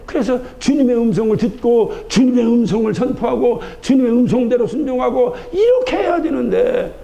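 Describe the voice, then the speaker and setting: A man's voice: very high voice, vocal fry, mellow. A man from Chungcheong preaching a sermon as pastor, driving his points home with rhetorical questions in a church sanctuary. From Chungcheong, Korea. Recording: dull broadcast recording of a church service.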